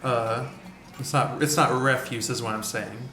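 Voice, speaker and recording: A man's voice: medium pitch, steady tone, measured pace, reverberant, faint music behind. A man narrating a tabletop game as game master, rambling with many fillers and restarts.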